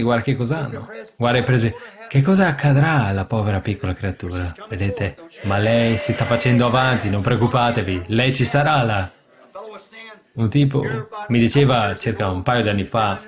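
Male preacher, fervent sermon delivery, rising to loud exclamations, live congregation audible behind. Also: medium pitch.

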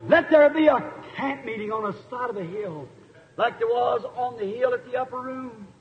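A man preaching an impassioned sermon, building to fervent shouts and drawn-out pleas. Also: very high-pitched, muffled recording.

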